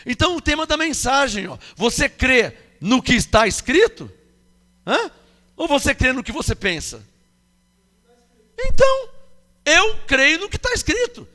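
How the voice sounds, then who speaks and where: A man's voice: very high-pitched, very animated, measured pace, pauses often, pushed and bright, big-room sound. A man with a Brazilian Portuguese accent preaching a sermon, emphatic, questioning the congregation and acting out quoted voices. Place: church hall.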